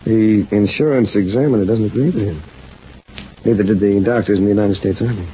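An actor playing a stern, dry, skeptical private investigator who questions and narrates in an old-time radio detective drama. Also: male voice, fairly low pitch, a little fast, mellow, natural voice. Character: hard-boiled, wry, skeptical male private investigator narrating his case. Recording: dull, noisy old radio recording.

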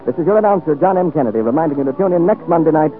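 A man announcing on a scripted 1940s radio show in a formal, measured delivery, heard as an old radio broadcast. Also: fairly high pitch, animated. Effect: old radio broadcast sound. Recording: tinny old radio broadcast, faint music.

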